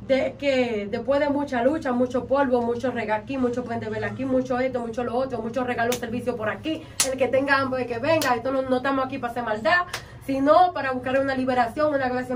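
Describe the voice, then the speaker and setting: A woman with a Dominican accent, a vodou practitioner recounting a ritual in an interview, animated and acting out the things she said. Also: high voice, quick pace. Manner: animated, acts out quotes and chants. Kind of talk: storytelling in an interview. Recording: distant mic, faint background noise.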